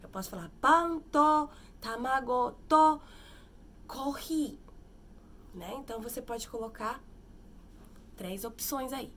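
A woman's voice: sits high, lively intonation, a bit bright, slight background noise. Woman teaching a patient language lesson. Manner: explains patiently, slows down to model phrases, checks in often. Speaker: Japanese teacher. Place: lives in Japan.

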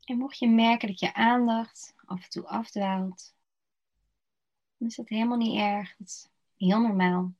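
A woman guiding a slow body-scan relaxation meditation in a soft, soothing voice with long pauses. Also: on the high side, fairly even intonation. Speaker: meditation guide. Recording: dull lo-fi recording.

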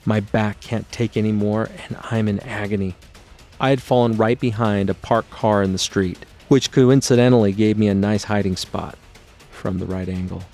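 A man narrating his own memoir as an audiobook in a steady, low-key storytelling delivery. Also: moderate pace, faint music behind.

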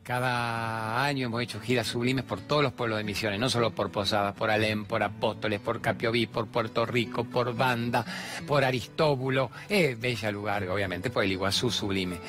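A man with an Argentine accent hosting a self-help talk show, preaching and telling stories with lively, acted-out voices. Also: fairly low pitch, moderate pace. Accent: Argentine Spanish. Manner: animated, preachy, acts out characters in stories. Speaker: self-help radio host. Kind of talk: motivational talk and storytelling.

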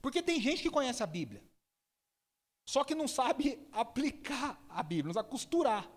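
Male preacher, high voice, lively sermon storyteller. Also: normal speed. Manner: lively storytelling, impersonates people with sudden high shouts.

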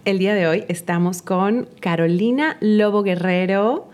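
A woman's voice: mid-range voice, a little slow, highs cut off, background noise. A woman with a Mexican Spanish accent hosting a podcast for women entrepreneurs, enthusiastic and welcoming. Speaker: podcast host. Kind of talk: podcast interview.

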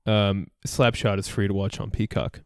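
A man's voice: fairly low pitch, level tone, moderate pace, no echo, studio quality. A man co-hosting a podcast, chatting casually about movies with a laid-back, wry manner. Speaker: podcast co-host.

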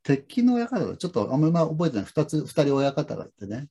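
A middle-aged man with a husky, mellow voice talks in a slow, reflective, rambling way. He hosts a relaxed conversation and fills his stories with pauses and fillers. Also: fairly high pitch. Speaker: lesson host. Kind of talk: casual conversation.

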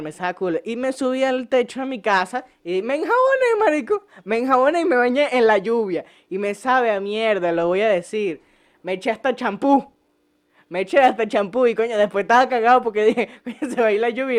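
A man's voice: sits high, fairly bright tone. A young man with a Venezuelan accent hosting a casual podcast, telling stories with lots of swearing, jokes and laughter. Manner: profane, joking, laughs often. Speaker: podcast host. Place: home podcast set.

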